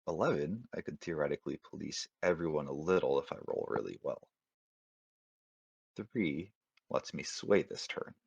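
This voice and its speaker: A man with a very low, gravelly voice reasons through his moves out loud, stalling on fillers and apologizing to the other players. The sound is dry and slightly dull, like an online call. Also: lively intonation, normal speed, no echo. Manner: apologetic, self-deprecating, hesitant with many fillers. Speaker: board game tournament player. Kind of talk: thinking aloud during an online match.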